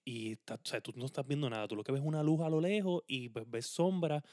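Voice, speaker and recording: Dude chatting, animated, english words thrown in, dry sound. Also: male voice, mid-range voice, fast talker, dry recording. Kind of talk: casual chat.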